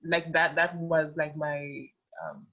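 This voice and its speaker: A low-pitched woman with fairly even intonation talks slowly, rambling and using "like" again and again. She's a Ugandan fashion model in her twenties appearing as a guest in a casual interview, and the audio has a tinny, phone-call quality.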